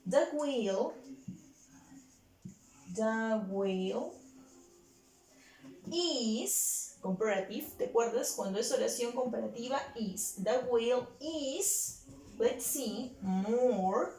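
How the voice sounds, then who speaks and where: Slow, echoey bilingual woman teacher. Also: a little high, lively intonation, dark tone, far from the mic. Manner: slow and deliberate, repeating words and switching between English and Spanish. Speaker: English teacher. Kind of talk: bilingual classroom lesson for children.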